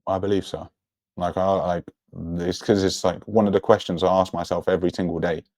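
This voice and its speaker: A man's voice: sits low, level tone, brisk, darkish tone, dry recording. A young man speaking as an interview guest in an earnest, introspective way about his own life. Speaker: podcast guest. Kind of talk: personal, reflective interview talk.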